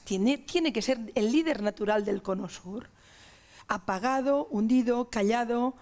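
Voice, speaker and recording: A woman's voice: on the high side, a little mellow. A middle-aged woman from Spain with a Spanish accent, a guest in a TV interview, talking emphatically in long chains of ideas.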